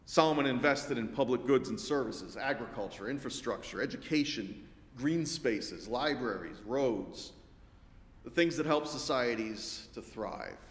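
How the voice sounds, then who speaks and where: A man delivers a sermon from a church sanctuary, speaking in a steady middle register. His tone is measured and reflective, broken by wry, dry asides. The sound is roomy, with a long reverb hanging in the hall. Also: mid-range voice. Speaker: pastor.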